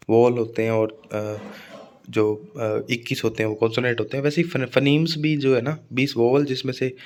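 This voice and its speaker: A man's voice: medium pitch, a little mellow. A man teaching an exam-preparation phonetics lecture in a casual classroom manner, often checking in with his students as he explains.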